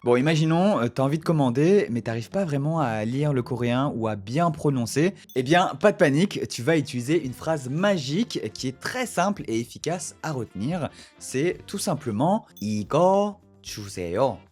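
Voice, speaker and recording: Lively man teaching Korean phrases. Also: medium pitch, moderate pace, few pauses. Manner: explains in French, models short Korean phrases; acts out little restaurant scenes, playing both customer and waiter. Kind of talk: casual video lesson. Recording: faint background music.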